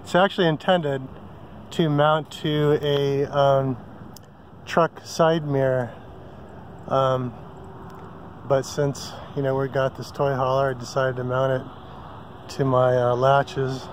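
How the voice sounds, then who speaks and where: Filming himself on a handheld phone outdoors by a river campsite, a man gives a casual how-to vlog in a medium-pitched, flat voice. He goes slowly, pausing often, rambling with plenty of ums and corrections while slight noise hums behind him.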